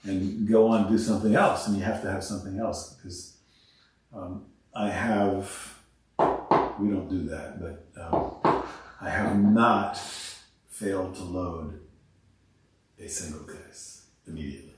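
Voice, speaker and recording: A man, an oral surgeon talking shop in an interview, pausing and restarting his sentences often. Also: low-pitched, fairly even intonation. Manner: halting, many restarts and self-corrections. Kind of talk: conversational interview. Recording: roomy, distant mic.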